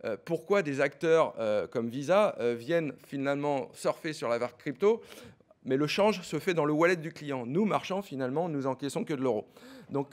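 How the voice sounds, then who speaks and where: A middle-aged man giving a fast business pitch, full of fillers and repeated words. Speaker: startup executive pitching.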